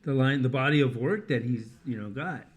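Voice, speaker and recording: A man's voice: mid-range voice, brisk, slightly rough. A man co-hosting a casual podcast, speaking in a hesitant, earnest way with many restarts. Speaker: podcast co-host. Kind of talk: casual chat.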